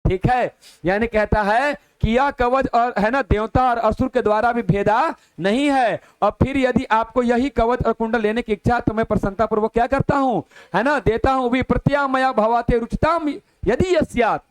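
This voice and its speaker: Male teacher, very high and smooth voice, dry close sound. He reads verses slowly and explains with rhetorical questions. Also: dry recording. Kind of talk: Sanskrit lesson explanation.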